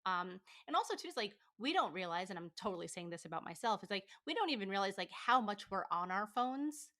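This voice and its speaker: A woman in her thirties with a medium-pitched, very animated, sharp voice chats casually as a podcast guest. She's full of likes and fillers, breaking into quick laughs throughout the interview.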